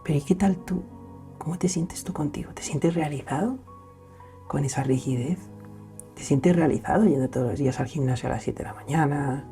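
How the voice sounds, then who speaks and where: A young man with a Spain Spanish accent, hosting a reflective solo talk in an earnest, searching way, often pausing and restarting. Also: on the high side, soft background music. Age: young adult. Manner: earnest, searching, pauses and restarts, swings between loud and hushed. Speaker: host.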